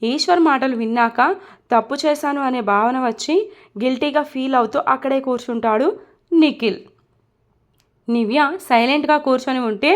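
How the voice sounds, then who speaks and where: A woman narrating a romance story in a scripted reading. She voices all the characters and tags each line with its speaker. Her voice sits high. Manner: reads dialogue with inline speaker tags.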